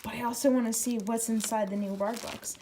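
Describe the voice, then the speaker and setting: A woman voicing her male pet dog's thoughts in a quick, puzzled inner voice, over a noisy home recording. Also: fairly high pitch, steady tone, dark tone, close to an everyday voice. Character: eager male pet dog, possessive of toys.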